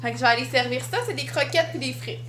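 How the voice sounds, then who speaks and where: A woman's voice: sits high, quick pace, background noise. A young woman with a Quebec French accent, chatting casually in a home vlog as a mother, switching to a sing-song voice for her toddler. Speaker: vlogger and mother.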